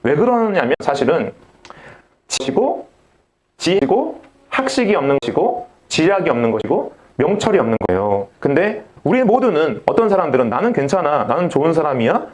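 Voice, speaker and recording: A man's voice: fairly high pitch, darkish tone. A young man preaching a sermon as a pastor, telling a story and acting out the dialogue.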